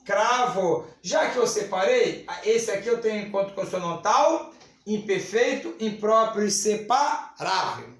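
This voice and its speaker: At a whiteboard in a very echoey room, a Brazilian man teaches Portuguese grammar for civil service exams, stretching key words and checking in with the class. His voice sits high, with lively intonation and an unhurried pace.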